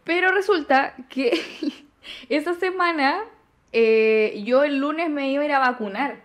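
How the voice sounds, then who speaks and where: Woman, Chilean accent, young adult, high voice, slangy, animated storytelling. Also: normal speed. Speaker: podcast guest. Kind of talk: casual chat.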